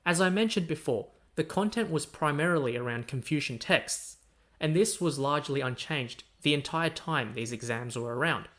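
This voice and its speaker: A man's voice: fairly high pitch, expressive, moderate pace, a bit bright. A man hosting a history podcast, narrating from a script in a chatty way with wry asides and mild swearing. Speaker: podcast host.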